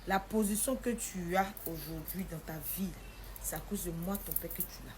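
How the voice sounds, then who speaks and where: A woman's voice: on the low side, moderate pace, slight background noise, lightly acted. A woman doing a stern, commanding father. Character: stern wealthy older father lecturing his son.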